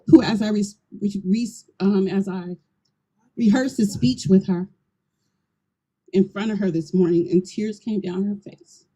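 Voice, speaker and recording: A woman's voice: medium pitch, unhurried, dark tone, breathy edge, rough recording. Earnest middle-aged woman giving a rousing speech. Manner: earnest and rousing, calls to the crowd. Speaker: community land trust leader. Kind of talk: public speech at an outdoor event. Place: outdoor groundbreaking ceremony. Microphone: handheld microphone on a PA.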